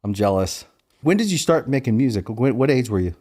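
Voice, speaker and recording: A middle-aged man hosting a casual interview, relaxed and sharing his own stories. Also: mid-range voice, a little fast. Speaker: podcast host.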